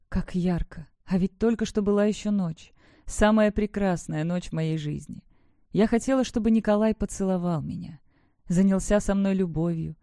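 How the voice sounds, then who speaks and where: An audiobook reader giving dramatic, expressive first-person narration of a fantasy novel. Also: medium pitch, no room sound, studio quality.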